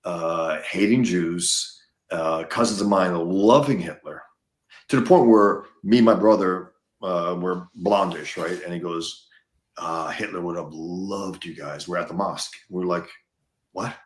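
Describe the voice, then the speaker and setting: Deep-voiced man, emphatic, echoey room. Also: a little slow. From United States. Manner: emphatic, repeats words when worked up. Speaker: guest. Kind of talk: casual conversation.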